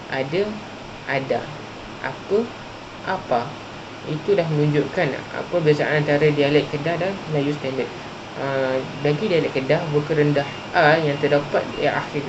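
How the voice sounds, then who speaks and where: A man with a Malaysian Malay accent reading out an academic presentation carefully and haltingly, like a student presenter. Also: on the high side. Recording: muffled lo-fi, loud hum.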